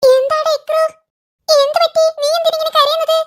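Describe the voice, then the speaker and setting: A performer voicing squabbling cartoon kids and their mother, bickering in a squeaky, sped-up comic style. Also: little pitch movement, moderate pace. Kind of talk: cartoon character voices.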